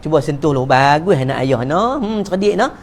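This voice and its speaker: High-voiced Malaysian religious teacher. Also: male voice, fairly quick, a little hiss or hum. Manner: lively, joking, acts out little dialogues. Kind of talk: evening mosque talk. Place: neighbourhood prayer hall.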